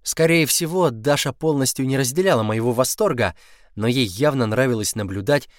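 A man reads a first-person story aloud in a scripted, expressive way. He stretches out key words for emphasis. His voice sits at a middle pitch, and the close recording is dry, with no room sound. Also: no echo. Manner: expressive reading, slowing down to linger on key words. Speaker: audiobook narrator.

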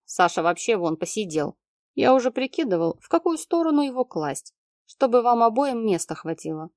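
A man's voice: extremely high pitch, sing-song, moderate pace, a little mellow, no room sound, studio quality. A woman voicing a joking, easygoing young man in a narrated story read aloud.

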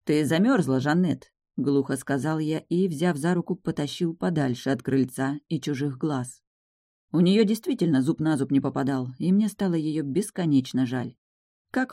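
An audiobook narrator reads a first-person fantasy tale in a steady, gently ironic manner. The voice sits at a middle pitch. The recording is close and dry, with no room sound. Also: no room sound.

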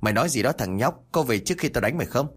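A blunt young villager snaps at two boys in a husky voice, as a man puts him on. His speech is lively and quick, in a told ghost story. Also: mid-range voice. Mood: gruff. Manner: blunt, threatening then sorry.

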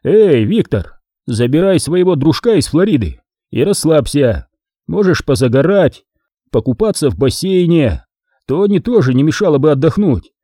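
A man reading an audiobook voices a cold, calm, ironic mafia hunter. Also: fairly high pitch, moderate pace, no room sound, studio quality, pitched above the performer's own voice.

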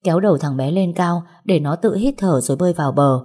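A woman narrating a first-person audiobook story in a steady storytelling manner. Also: fairly low pitch, a little fast, breathy edge.

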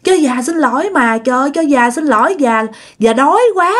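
Woman doing a skinny starving granny, high teary begging voice. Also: expressive, moderate pace. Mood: pleading. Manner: pleading, tearful, repeats herself. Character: starving frail old woman begging forgiveness.

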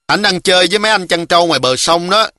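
A man voicing a touchy, excitable little village girl, shrill and pleading. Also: fast talker, no room sound, studio quality. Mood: excited, sulky.

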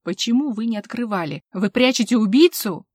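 A woman's voice: fairly high pitch, expressive, a little fast, a little mellow, dry recording. Woman reader voicing a brash male inspector: barking, accusing, dry close read.

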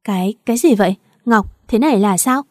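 A scornful, sharp-tongued mother-in-law who scoffs impatiently, as a woman narrator puts her on. The voice is mellow and lifts a little above the narrator's own. The sound is dry and close. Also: medium pitch, a little fast, no echo, close to an everyday voice. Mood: shocked.

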